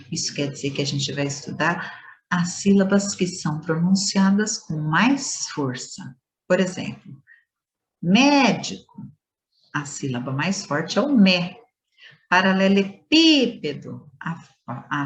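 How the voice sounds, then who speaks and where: A woman teacher giving a playful lesson to schoolchildren, stretching words and leaning hard on stressed syllables. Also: low voice.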